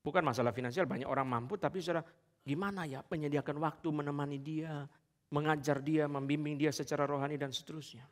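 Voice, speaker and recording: A male pastor preaches a sermon in a high voice, emphatic and keeps turning to address his congregation. His voice carries a long reverb from a large church hall. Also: steady tone, fast talker.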